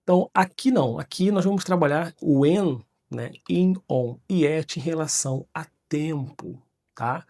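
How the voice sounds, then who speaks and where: A man in his thirties, a teacher, explaining grammar with lots of tag questions and slow, careful English examples. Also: a little high, warm tone. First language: Portuguese. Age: 30s.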